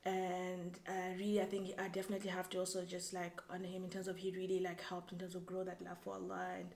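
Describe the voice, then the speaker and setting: A young woman from Zambia, whose first language is Tumbuka, answering interview questions in a thoughtful, halting way with many restarts. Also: fairly low pitch, monotone, creaky, darkish tone. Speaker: guest. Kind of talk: casual interview. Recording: echoey room, faint background noise.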